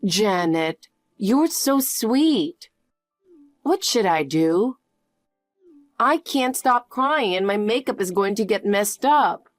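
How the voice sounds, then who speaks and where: A woman's voice: medium pitch, expressive, takes it slowly, dry recording, faint music behind. Woman doing a tearful, loving foster mom. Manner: emotional, gushing. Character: tearful, loving middle-aged foster mother. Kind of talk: animated story voice.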